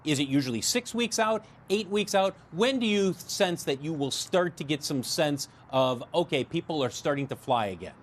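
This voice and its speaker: A man's voice: on the high side, animated, normal speed, few pauses, a little hiss or hum. An American man working as a television business reporter, putting questions in a news interview.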